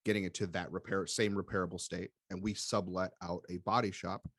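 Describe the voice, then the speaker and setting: A man's voice: sits low, little pitch movement, brisk, fairly bright tone, no room sound, clean studio sound. A man co-hosting a casual business podcast, talking with many hesitations and restarts.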